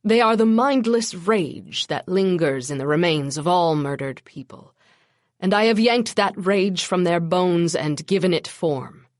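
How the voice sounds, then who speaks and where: An ancient male vampire, grave and weary, talks in a low rasp that sits well below an ordinary voice, as a woman narrator puts him on. He sounds like an audiobook figure, recorded close and dry. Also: measured pace, no room sound, close to an everyday voice. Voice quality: rasping, low.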